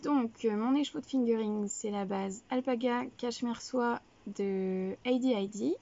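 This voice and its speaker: A young woman talks casually to her viewers, rambling from one thought to the next and correcting herself as she goes. Her mid-pitched voice carries a gravelly, creaky edge. The sound is a little dull and lo-fi. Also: unhurried, warm tone. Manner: chatty and rambling, many fillers and self-corrections. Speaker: knitting podcast host. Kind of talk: casual video podcast chat. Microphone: camera, showing items to viewers.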